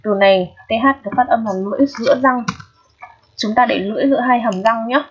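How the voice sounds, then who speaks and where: Patient woman teacher, husky lo-fi voice. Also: on the high side. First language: Vietnamese. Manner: patient, repeats words slowly, checks understanding often. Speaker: English teacher. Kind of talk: exam review lesson. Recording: dull lo-fi recording.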